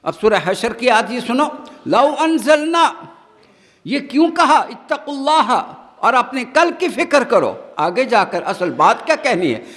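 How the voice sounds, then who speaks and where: A man's voice: extremely high pitch, very animated, few pauses, a bit bright. A man with a Pakistani Urdu accent teaching the Quran as a sermon, impassioned and firing rhetorical questions at his audience. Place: large hall at a training camp. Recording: long hall reverb.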